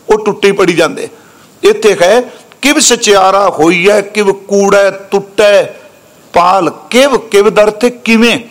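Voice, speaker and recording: A man preaching a scriptural exposition sermon, slowly intoning quoted verses and then explaining them in quick, conversational speech, correcting his listeners' pronunciation. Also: high voice, a bit bright. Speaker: Sikh preacher.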